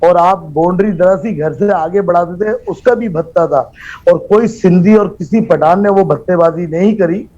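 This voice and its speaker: A man from Pakistan, speaking as a guest over a phone line and arguing a political point forcefully, repeating phrases for emphasis. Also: high-pitched, normal speed. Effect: heard over a phone line. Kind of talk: impassioned political argument. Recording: dull lo-fi phone audio.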